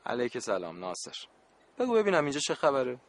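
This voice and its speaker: A man's voice: medium pitch, wildly swooping pitch. A man playing a good-natured adult camp supervisor in a radio play, talking in a joking, exasperated, pleading way.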